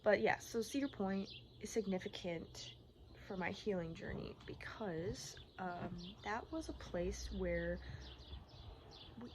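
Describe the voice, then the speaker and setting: A woman talking candidly in a personal vlog, in a rambling, halting, casual way, often repeating herself. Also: mid-range voice. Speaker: personal vlogger. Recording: clearly noisy outdoor-like ambience, birdsong. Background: birdsong and environmental noise.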